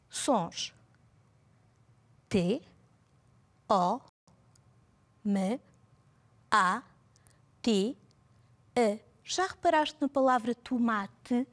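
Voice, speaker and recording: A woman teacher with a European Portuguese accent, talking high and bright with big swoops up and down. She speaks slowly and deliberately, stretching out syllables for small children in a lively, sing-song way. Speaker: primary school teacher. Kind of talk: televised lesson for young children.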